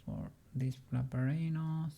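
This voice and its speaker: A 3D modeling streamer chatting casually on a livestream and muttering quietly to themself while working. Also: mid-range voice, fairly even intonation, measured pace, creaky.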